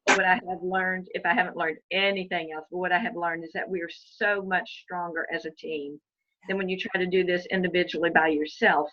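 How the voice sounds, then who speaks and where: A woman team member speaking on a video call, encouraging but halting, with frequent restarts. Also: fairly low pitch, steady tone. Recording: dull lo-fi call audio.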